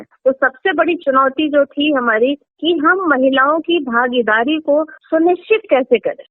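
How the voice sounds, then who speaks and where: A woman's voice: sits high, no room sound. A woman answering radio interview questions about her farming work, earnest and explanatory with some hesitations. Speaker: interviewee, moringa farming entrepreneur. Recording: dry tinny phone line.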